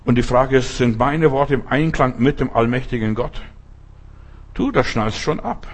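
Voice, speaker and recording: Blunt husky-voiced male preacher. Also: medium pitch. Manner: blunt, talks straight to the listener and repeats phrases. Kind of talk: informal spoken sermon.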